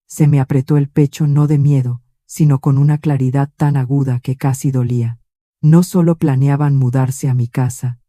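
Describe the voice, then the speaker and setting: Woman, scripted first-person narration, measured, composed, dark mellow voice, dry sound. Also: very deep voice, dry recording.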